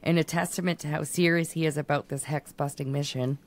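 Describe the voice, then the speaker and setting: A woman's voice: low-pitched, fairly even intonation, brisk. A woman co-hosting a casual podcast, reading a strange news story aloud with restarts and giggles. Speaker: podcast co-host.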